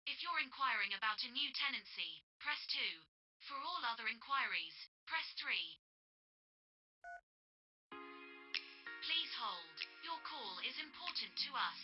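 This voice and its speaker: Woman doing a phone menu voice, polite and flat, muffled lo-fi with hold music. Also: a little high, very fast, hardly any pauses, heavy reverb, distant mic. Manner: flat polite recorded prompts. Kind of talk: automated phone announcement. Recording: dull lo-fi phone audio with music.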